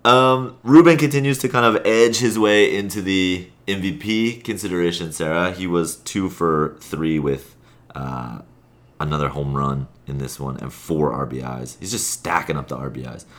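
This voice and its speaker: A man hosting a casual talk show about his rec league, rambling and correcting himself with sudden bursts of excitement. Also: low voice, moderate pace. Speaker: podcast host, league player. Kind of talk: casual chat.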